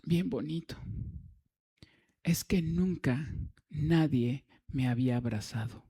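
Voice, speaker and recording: Male preacher, mellow tone, storytelling sermon with jokes and asides. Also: fairly high pitch, slow pace, slightly rough. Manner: storytelling with humor and asides to the congregation. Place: church.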